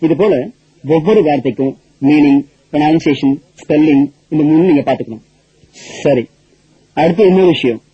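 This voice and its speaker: A man's voice: on the high side, normal speed, long pauses, slightly rough, dry recording. A man teaching a spoken English lesson, drilling points with repeated questions and answers. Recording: dull lo-fi audio.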